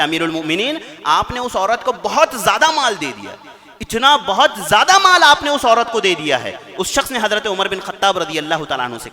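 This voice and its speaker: A man's voice: high-pitched, sharp tone. A man giving a Friday sermon in a mosque, retelling stories with quoted dialogue and repeating phrases for emphasis.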